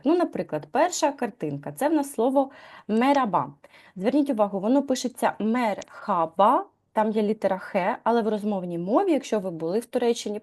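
A woman runs a live language lesson, her pitch sitting a little high and swinging widely as she explains. She talks patiently, asks her students questions and pauses with small fillers while she thinks. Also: darkish tone. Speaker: Turkish language teacher.

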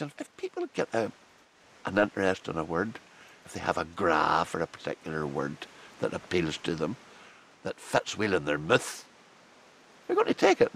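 A man with a Northern Irish accent tinged with Ulster Scots, explaining and telling anecdotes conversationally, with emphatic phrasing and repeated words. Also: lowish voice. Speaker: language enthusiast interviewed.

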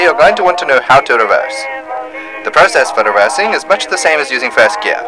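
A man's voice: a little high, poor audio. Man narrating a vintage instructional film, music behind. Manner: formal, old-time announcer delivery. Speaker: narrator and presenter.

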